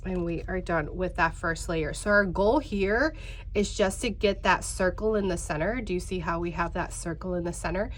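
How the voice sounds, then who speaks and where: Leading a craft tutorial step by step, a woman in her thirties talks directly to her viewers in a chatty way full of fillers. Her voice is on the low side, a bit congested and nasal, at a moderate pace, with slight background noise.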